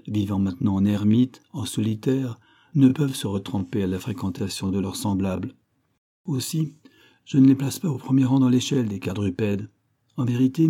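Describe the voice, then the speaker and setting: A man's voice: on the low side, warm tone, slightly rough. A man reading an audiobook, voicing a pompous, lecturing middle-aged animal dealer who declaims in grand, wordy phrases. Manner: grandiloquent, declamatory, fond of rare words.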